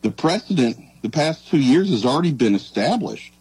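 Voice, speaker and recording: Male sports talker, earnest and reflective, halting delivery, slightly rough voice, medium pitch. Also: big pitch swings, darkish tone, dry recording, rough recording. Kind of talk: casual sports talk.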